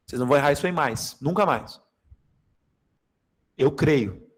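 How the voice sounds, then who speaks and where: Male teacher from Brazil, high-pitched, animated and joking with his class in a prep lecture. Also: moderate pace, slightly rough. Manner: animated, jokey, addresses class directly. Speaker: Portuguese teacher. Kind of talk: lively exam-prep class.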